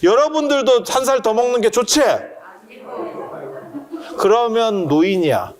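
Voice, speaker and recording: A man's voice: extremely high pitch, sing-song, a little slow. A man giving a casual Buddhist dharma talk, joking and asking the audience questions as he explains customs. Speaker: Buddhist monk lecturer. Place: temple hall with listeners.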